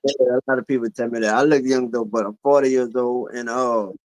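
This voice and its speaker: A man in his forties with a Louisiana accent, a guest telling stories in a relaxed, drawling way during a casual chat. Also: mid-range voice, a little fast, no room sound, rough recording. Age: 40s.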